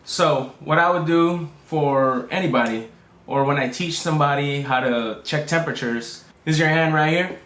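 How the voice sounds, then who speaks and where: A man who is a chef, casually explaining cooking steps in a halting, step-by-step way. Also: a little high, a bit bright. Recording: echoey room.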